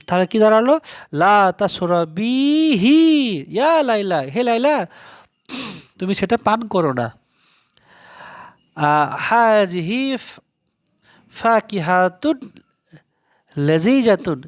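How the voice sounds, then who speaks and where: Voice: mid-range voice, dry recording. Patient language teacher, dry close sound. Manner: reads phrases slowly, then translates and explains; asks and answers own questions. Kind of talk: step-by-step language lesson.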